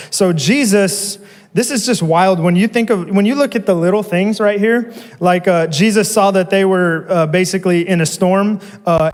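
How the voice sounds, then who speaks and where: A young man preaching a casual youth sermon, slangy and conversational, with joking asides. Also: high voice. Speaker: youth pastor. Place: church hall. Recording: long hall reverb.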